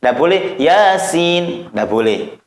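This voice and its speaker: A man teaching a recorded Quran reading lesson, explaining slowly and drawing out the letters in long chanted examples. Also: fairly high pitch, lively intonation, reverberant.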